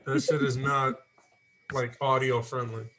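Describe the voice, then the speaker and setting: A man's voice: mid-range voice, flat delivery, a little slow, a bit bright. A man co-hosting a podcast in casual chat, blunt and swearing casually. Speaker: podcast co-host.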